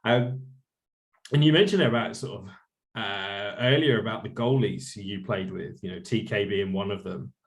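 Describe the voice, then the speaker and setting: A man's voice: fairly low pitch, moderate pace. A man hosting a podcast, asking long, chatty questions with many fillers. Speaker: podcast host. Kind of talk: casual podcast interview.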